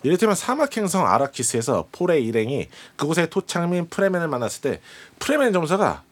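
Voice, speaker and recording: A man presenting and explaining a film in a measured, polite, scripted way to a host. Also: a little high, very animated, breathy edge.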